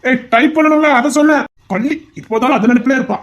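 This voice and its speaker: Teasing young male lover, voiced by a woman, playful and melodramatic, high-pitched. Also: fast, lo-fi sound, natural voice. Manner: playful teasing, theatrical wailing when hurt. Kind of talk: amateur audio drama.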